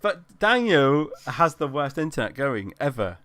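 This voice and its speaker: Lively laughing man, video call. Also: on the high side, a little slow, dry recording. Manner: laughing, swearing, animated. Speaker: live stream host. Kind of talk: casual chat.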